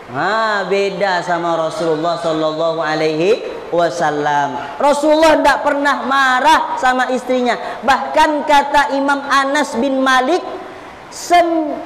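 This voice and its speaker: A woman preaching a humorous sermon, her voice sitting high and ringing out through a large mosque hall. She tells her stories briskly and lively, slipping into little acted voices as she goes, picked up over a PA microphone with a faint hum of the room around her. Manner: lively storytelling, acts out quoted voices. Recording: echoey hall with faint ambience.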